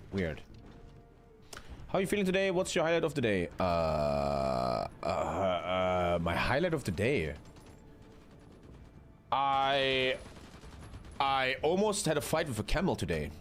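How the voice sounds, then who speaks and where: A man, streaming a strategy game live, chatting with his viewers and swearing casually. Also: medium pitch. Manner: swearing, chatty, reading chat aloud. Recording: faint music behind.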